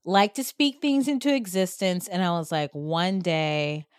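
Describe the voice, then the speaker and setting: Woman podcast host, playful and teasing, unhurried delivery, dry studio mic. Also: lowish voice, clear, resonant tone, no room sound. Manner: playful, jokey, laughs often. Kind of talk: casual comedic chat.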